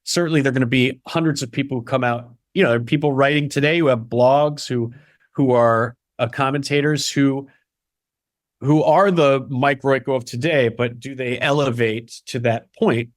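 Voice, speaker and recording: A man from the Chicago area, a playwright and solo performer, chatting in an interview in a quick, animated way with lots of restarts. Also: medium pitch, no echo, studio quality. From Chicago area (Barrington). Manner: animated, quick, many restarts and "you know"s. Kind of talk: casual interview conversation.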